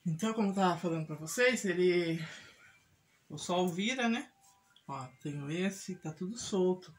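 Speaking at a normal speed in a lowish voice, this middle-aged Brazilian home vlogger and mother rambles repetitively as she works through her chores. She keeps checking in with the listener through tags, and the small indoor room carries clear household sounds and handling clicks.

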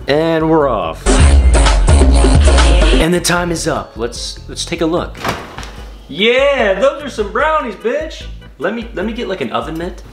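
A young man vlogging while he cooks in his home kitchen, joking, swearing and talking to his viewers. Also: on the high side. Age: young adult. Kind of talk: casual cooking vlog. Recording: echoey kitchen with background music.

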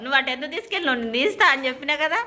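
A woman's voice: high-pitched, animated, very fast, very noisy. A young woman with a Telangana Telugu accent, filming at home and coaxing her small child with repeated questions in a casual home vlog.

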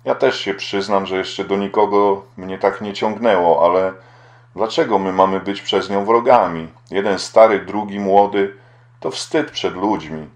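A man reading the part of an earnest, apologetic young man in an audiobook, in a low voice. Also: steady tone, unhurried.

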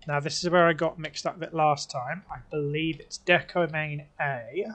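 A man's voice: a little high, fairly even intonation, moderate pace, fairly bright tone. A young man from the UK giving casual, chatty commentary as he plays, talking himself through each choice. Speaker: let's play host.

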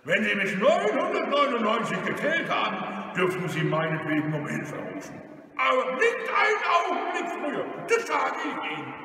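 A gruff male robber with a bristly beard bosses people about in loud, barking commands, voiced by a man reading a children's book. His voice is bright and sharp. It comes from a distance, with a long reverb rolling round a large hall. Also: high-pitched, wildly swooping pitch, moderate pace, pitched above the performer's own voice, full character voice. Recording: echoey hall, far from the mic.

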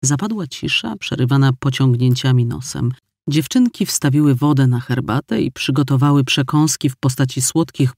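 A man reading an audiobook in measured, expressive scripted narration. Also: medium pitch, no echo, clean studio sound.

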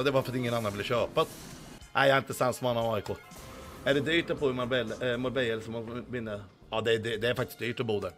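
Hoarse male streamer, crude boastful banter, faint music under him. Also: mid-range voice. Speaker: livestreamer. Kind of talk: casual livestream chat, reading chat.

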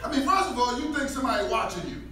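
A middle-aged Jamaican comedian with a light accent performs an animated stand-up set on a small club stage before a live audience, bursting into loud shouts. He talks very fast at an extremely high pitch into a handheld mic, captured by a distant camera at the back of an echoey room with audience noise.

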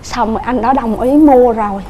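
A Southern Vietnamese woman sits as a guest in a TV studio and pours out her family story. She talks quickly and earnestly, in a voice a bit higher than most and soft and mellow in tone. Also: slight background noise. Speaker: guest on a couples show. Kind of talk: emotional personal storytelling.

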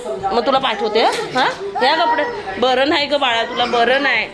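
A woman's voice: high voice, expressive, moderate pace, over a noisy crowd. A woman vlogging at home, coaxing and chiding her children, then confiding to the camera. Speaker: family vlogger and mother. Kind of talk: casual home vlog chat. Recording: loud background noise.

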